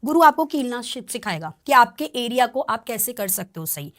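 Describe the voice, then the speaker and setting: A woman tarot reader talks through her experiences on a podcast. Her slightly high voice stays earnest and explanatory, often turning to firm warnings. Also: big pitch swings, normal speed. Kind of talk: podcast conversation.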